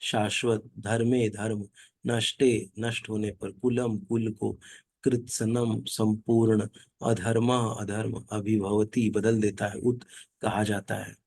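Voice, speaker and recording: A man leading an online reading group who chants verses slowly and then explains them in casual, conversational talk. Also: lowish voice, flat delivery, darkish tone. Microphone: online video call.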